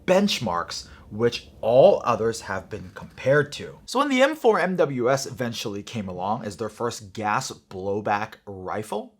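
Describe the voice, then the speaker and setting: Jokey male airsoft reviewer, husky voice. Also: on the low side, very animated, unhurried, few pauses. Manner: chatty, jokey, addresses viewers as guys. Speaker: airsoft video presenter. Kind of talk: product review presentation.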